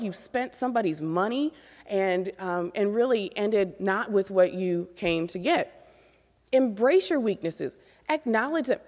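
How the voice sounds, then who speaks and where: A woman's voice: medium pitch, a little mellow. Earnest woman lecturing in a reverberant hall. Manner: earnest, direct, gestures as she speaks. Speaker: keynote speaker, professor. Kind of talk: motivational lecture. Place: large auditorium stage at a podium. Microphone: podium microphone. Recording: long reverb of a large hall.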